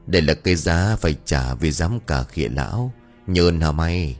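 A man voicing a gruff, foul-mouthed old village sorcerer who scolds and curses. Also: a bass voice, animated, moderate pace, soft background music, voice pushed down. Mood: spiteful. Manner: scolding, cursing.

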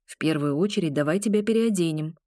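Gentle werewolf lover for an audiobook, read by a woman: soft, soothing, mellow and hushed. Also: low voice, fast talker, no echo, studio quality, close to an everyday voice. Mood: tender. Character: tender protective male werewolf lover.

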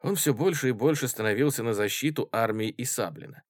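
A man reading a novel aloud as an expressive audiobook narrator who voices each character. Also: mid-range voice, brisk, no room sound, studio quality. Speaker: audiobook reader.

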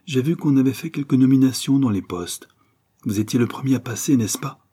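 A man's voice: mid-range voice, brisk, warm tone, breathy edge, voice pushed up, close to an everyday voice. Man voicing a proper, reproachful young woman. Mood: pressing.

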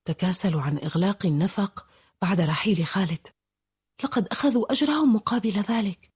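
A woman's voice: mid-range voice, fairly quick, darkish tone, husky. A woman voicing an earnest young man who is a loyal friend, in a storybook reading.

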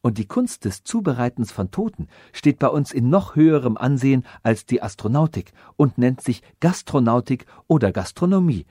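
A man's voice: medium pitch, very animated, normal speed, few pauses, warm tone, husky, no echo, clean studio sound. A man reading an audiobook voices a young prince in disguise who explains things earnestly and at length. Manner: earnest, long-winded explanations. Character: young prince posing as a human.

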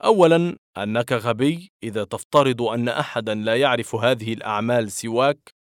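A man's voice: medium pitch, brisk, no room sound, lightly acted. Man doing a stern, cold office boss. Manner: firm, dry and scolding. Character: stern, cold office director, middle-aged male boss.

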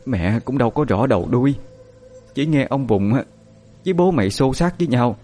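A man's voice: mid-range voice, lively intonation, normal speed, dark tone, voice pushed up, natural voice. A man voicing an older village mother, tearful and frantic. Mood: distraught. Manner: wailing, pleading.

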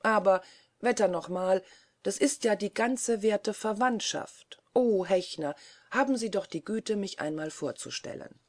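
A brash, cheerful young man, put on by a woman narrator, bursts out with slow, loud exclamations. He sounds a little higher and louder than the plain narration. The storybook recording is dry and close. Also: no room sound, close to an everyday voice. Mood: breezy.

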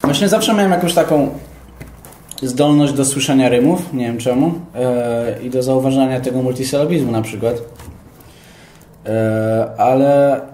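A man's voice: medium pitch, fairly even intonation, measured pace, dark tone, faint music behind. A young man giving a casual interview as a rapper, explaining things in a thoughtful way. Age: young adult. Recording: echoey room, faint background noise.

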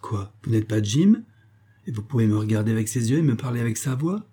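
A man voicing a shrill, cajoling old grandmother from a city slum in an audiobook. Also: animated, a little fast, mellow, husky. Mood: suspicious. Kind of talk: audiobook character voice.

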